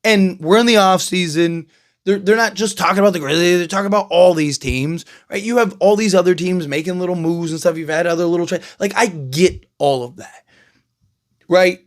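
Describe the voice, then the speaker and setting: High-pitched male vlog host, exasperated rambling sports opinion rant. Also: fairly quick. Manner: exasperated, rambling, heavy fillers. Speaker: channel host.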